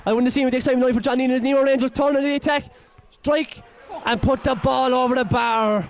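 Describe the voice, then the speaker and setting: An Irish man giving excitable, openly partisan live commentary on a local football match, shouting and nearly losing his voice. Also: very high voice, quick pace, creaky.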